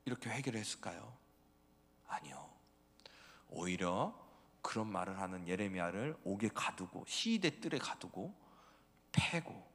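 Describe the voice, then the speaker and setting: A man preaching a sermon to teenagers as youth pastor, animated and often asking his listeners questions. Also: sits low, measured pace, pauses often. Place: church sanctuary. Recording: long church hall reverb.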